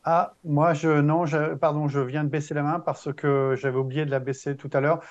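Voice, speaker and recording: A man's voice: a little high, little pitch movement, normal speed, dull audio. A man who used to teach English speaks on a panel, emphatically encouraging students to just speak up. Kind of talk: panel talk.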